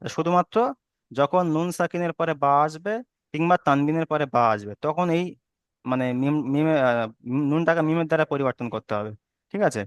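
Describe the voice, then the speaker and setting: A man's voice: fairly high pitch, a little fast, clear, resonant tone, no echo, muffled recording. A man teaching Quran recitation rules online, patiently repeating each rule and checking that students understand. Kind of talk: online tajweed lesson.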